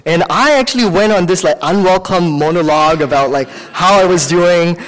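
Preaching with a Singaporean accent, a man from Singapore speaks in a high-sitting voice, halting and conversational. He weaves in stories from his own life and fixes his phrasing as he goes, all inside a long hall reverb.

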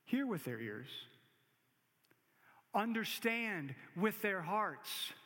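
A man's voice: high-pitched, big pitch swings, very slow, sharp tone, long reverb tail, heavily acted. A man voicing God with a raised, solemn, commanding delivery during a scripture reading.

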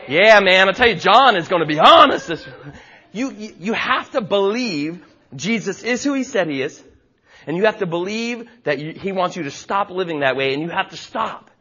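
A man's voice: high-pitched, animated, moderate pace, bright, forceful tone, slightly rough, highs cut off. A man in his forties preaching a sermon from a church stage, emphatic and folksy with joking asides. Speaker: pastor.

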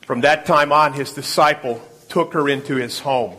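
A man, a pastor, introducing a midweek service and reading scripture in a calm, measured way. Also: mid-range voice, husky.

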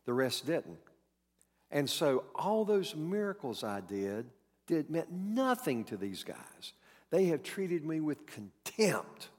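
A man's voice: fairly high pitch, big pitch swings, slow pace, a little mellow, slightly rough, long reverb tail. A man preaching a sermon in a conversational way, acting out quoted lines and repeating key words. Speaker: pastor.

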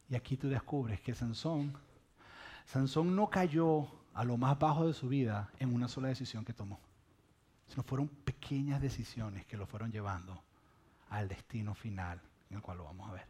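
A man preaching a sermon as a lively storyteller, acting out scenes with humor. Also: medium pitch, breathy edge.

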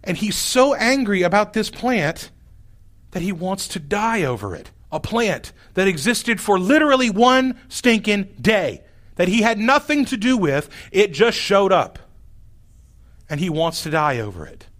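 A man's voice: high voice, sing-song, measured pace, fairly bright tone. A man preaching a sermon, telling a scripture story in a wry, exasperated way. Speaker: pastor.

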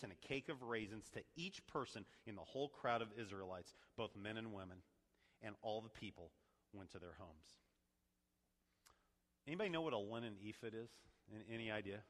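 A man preaching a sermon, dropping to a hush and then rising to loud emphasis, with joking asides to his congregation. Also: fairly low pitch. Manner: dynamic preacher, swings from hushed to loud, jokey asides. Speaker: pastor. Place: church sanctuary. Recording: long hall reverb.

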